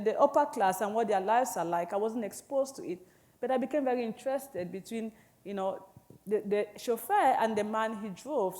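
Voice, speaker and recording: A woman in her early forties from Cameroon, an author speaking thoughtfully on stage, often pausing with "you know". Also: mid-range voice, a little mellow. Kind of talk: onstage conversation. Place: public library event hall.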